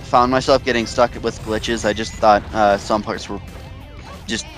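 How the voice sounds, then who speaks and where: A man's voice: lowish voice, steady tone, fairly bright tone, soft background music. A man chatting casually as a co-commentator on a gameplay video, talking in stops and starts. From Canada. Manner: halting, talks in stops and starts. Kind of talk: casual gaming chat.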